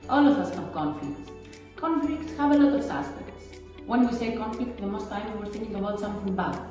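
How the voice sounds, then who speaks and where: Young Greek-accented woman student, upbeat, echoey and distant, soft music under her. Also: mid-range voice, a little fast. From Ioannina, Greece. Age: 20s. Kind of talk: prepared personal statement. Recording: echoey hall, far from mic. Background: faint background music.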